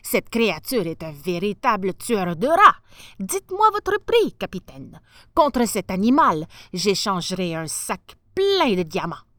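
A woman voicing an excitable old male sultan who speaks grandly and exclaims loudly. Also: medium pitch, unhurried, no echo, studio quality. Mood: exclaiming grandly.

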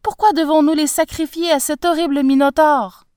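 A woman's voice: high-pitched, steady tone, moderate pace, darkish tone, no echo, clean studio sound, pitched above the performer's own voice, close to an everyday voice. A woman voicing a bold, eager young prince, earnest and impassioned.

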